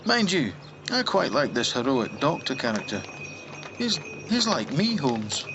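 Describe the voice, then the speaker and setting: A man acting a fussy, hesitant Victorian gentleman doctor with a halting, genteel, stuffy manner in a radio drama. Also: mid-range voice, sing-song, muffled recording, noisy background. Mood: pleased.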